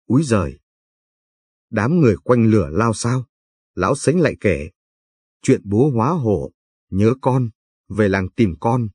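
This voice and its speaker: A man narrating a storybook in a measured, calm reading style, recorded close. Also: fairly low pitch, husky, dry recording.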